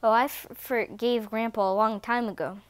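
A woman's voice: fairly high pitch, fairly even intonation, moderate pace, smooth, close to an everyday voice. A woman voicing a sweet, curious little kitten boy who keeps asking questions innocently in a read-aloud storybook.

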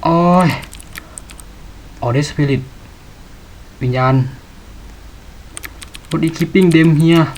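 A man playing a horror game, swearing a lot and yelping when startled, sometimes reading game text aloud slowly. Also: a little high, slight background noise, low-quality recording. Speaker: gamer.

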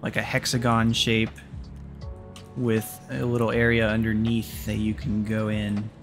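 A man's voice: fairly low pitch, completely flat delivery, measured pace, music in the background. A young man giving casual, jokey commentary over his factory-building gameplay, swearing freely. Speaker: gaming YouTuber.

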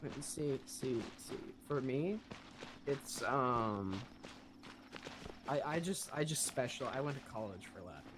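A man's voice: mid-range voice, lively intonation, a little slow, background noise. A man chatting casually in a game voice chat, rambling and joking, stumbling over his words. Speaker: game player.

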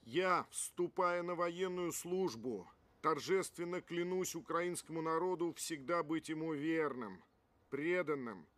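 An actor playing a solemn, dutiful naval officer who recites an oath in formal, measured phrases in a film drama. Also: male voice, fairly high pitch.

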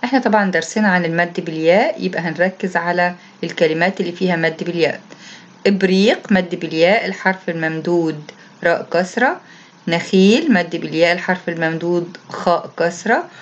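Lowish Egyptian woman teaching a lesson. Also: fast, muffled recording. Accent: Egyptian Arabic. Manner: patient and repetitive, reads each instruction aloud, then explains it. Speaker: primary school Arabic teacher. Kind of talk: recorded classroom lesson explanation.

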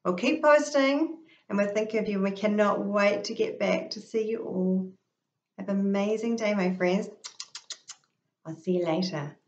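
A woman, a teacher, reading a picture book aloud to children with expressive gasps and sing-song chants. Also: medium pitch, a little slow, echoey room, lo-fi sound. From New Zealand. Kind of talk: storybook read-aloud for kids.

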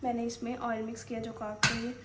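A woman's voice: on the high side, level tone, fast talker, very noisy. A young woman chatting casually to viewers and walking them through her chores and cooking, step by step. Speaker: vlogger. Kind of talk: casual chatty vlog narration. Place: apartment kitchen and laundry area, indoors.

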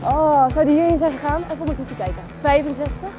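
High-voiced young Dutch woman, music behind. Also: quick pace. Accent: Netherlands Dutch. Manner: playful, chatty, thinking aloud. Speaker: challenge contestant. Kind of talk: casual running commentary on a hiding game. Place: outdoors around an airport.

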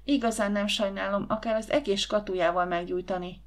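A woman voicing an excitable, playful teenage girl who whispers eagerly in an audiobook. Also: mid-range voice, natural voice. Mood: excited whispers.

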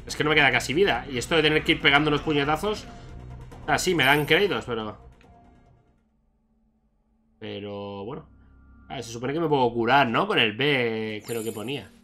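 Bright-voiced man playing a game. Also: medium pitch, normal speed, pauses often, soft background music. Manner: thinks aloud, swears when surprised. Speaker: gaming YouTuber. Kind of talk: casual Let's Play commentary.

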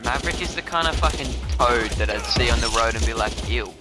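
A young man trades crude, swear-filled banter with teammates over voice chat. His voice sits at an ordinary middle pitch. Game music and gunfire play behind him. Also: fast. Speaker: gamer teammate. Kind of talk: casual voice chat during play.

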